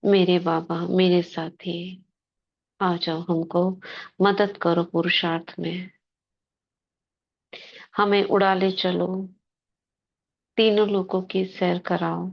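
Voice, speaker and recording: Leading a spiritual meditation, a woman speaks in a fairly low, very even voice with some vocal fry. Her delivery is very slow, short devotional phrases broken up by pauses. The audio sounds slightly dull and lo-fi.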